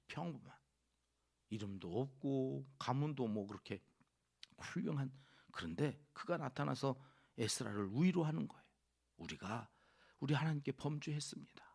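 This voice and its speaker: A man preaching a dawn church sermon, jumping between loud exclamations and soft, almost whispered lines. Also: medium pitch, creaky, breathy edge. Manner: dramatic swings between loud exclamation and hushed near-whisper. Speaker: pastor. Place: church sanctuary.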